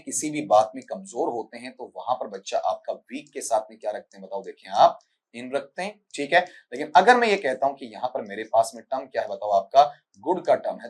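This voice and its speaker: Man, Rajasthani accent, exam-prep teacher, husky, animated intonation, quizzing students. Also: medium pitch. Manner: explains step by step, asks students questions, calls them "beta". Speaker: English teacher.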